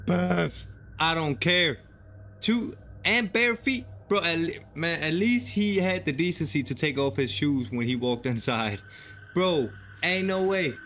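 A man hosting a reaction video, in casual, animated, slangy commentary that talks back to the story. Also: on the high side, slight background noise. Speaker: reaction channel host.

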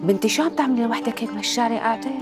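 A woman's voice: on the high side, very fast, loud music behind the voice, lightly acted. A woman playing a kind motherly widow. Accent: Damascene Arabic. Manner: gentle, coaxing.

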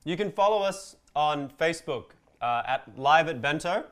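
A man co-hosting a casual live food review show, quick and teasing, with blunt opinions. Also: fairly high pitch, expressive, a bit bright. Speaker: co-host.

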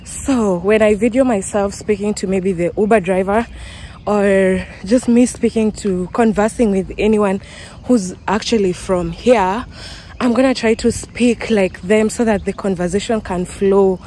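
A woman's voice: medium pitch, unhurried, warm tone, slight background noise. A young woman with a Kenyan accent chatting casually to her phone camera outdoors, laughing often and joking about herself. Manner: chatty, laughs often, self-mocking asides. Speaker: vlogger. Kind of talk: casual vlog chat to camera. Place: outdoors, walking around town.

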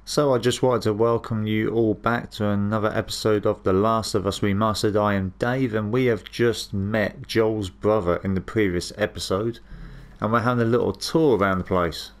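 Man commenting on gameplay, low voice. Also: moderate pace. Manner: relaxed, chatty, swears at the game.

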